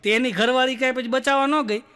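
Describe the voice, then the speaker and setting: A man telling stand-up jokes, acting out the dialogue in quick voices. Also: very high voice, steady tone, sharp tone, clear, resonant tone. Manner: storytelling with quick voiced dialogue, "બોલો" tags. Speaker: stand-up comedian.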